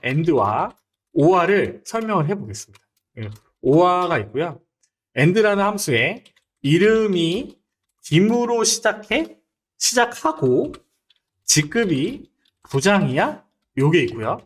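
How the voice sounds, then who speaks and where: A man teaching a spreadsheet exam lecture, talking straight to his viewers and keeping them involved with constant quick questions. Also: fairly high pitch. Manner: lively, rhetorical questions to viewers.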